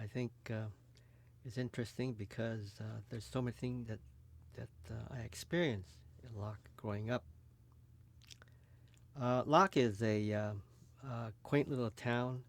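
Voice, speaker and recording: A man in his eighties, from California, recalling his childhood for an oral history recording, halting often with fillers. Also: lowish voice. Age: 80s. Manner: hesitant, many fillers. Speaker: interviewee. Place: recording booth.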